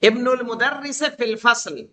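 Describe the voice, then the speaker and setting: A man whose first language is Urdu, teaching an Arabic grammar class, reading Arabic phrases slowly and translating them, with frequent check questions to students. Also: very high voice, pushed and bright, a little hiss or hum, low-quality recording. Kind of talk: classroom lesson.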